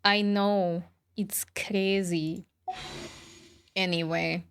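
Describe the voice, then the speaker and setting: A woman draws out her words in a clean, fairly low voice with fairly even intonation. She's casually talking to viewers during a game stream, reacting informally to their comments over background music.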